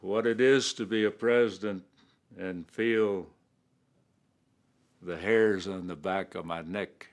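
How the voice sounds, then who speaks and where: A man speaking slowly and earnestly, with deliberate weight on his words. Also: low-pitched, steady tone. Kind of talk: documentary interview.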